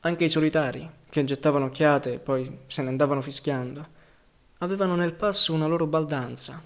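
Reading from a novel, this man's voice is pitched on the higher side for a male, and his delivery stays soft and even. He narrates calmly, taking an unhurried, measured approach.

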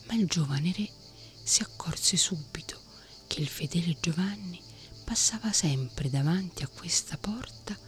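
A woman reading a bedtime fairy tale in a soft whispered role-play. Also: lowish voice, measured pace, faint music behind. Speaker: bedtime storyteller.

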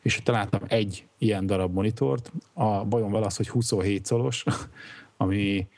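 Male podcast host, casual rambling talk, slightly low voice. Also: fairly even intonation, a little mellow. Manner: rambling, searching for words with fillers. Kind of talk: casual chat.

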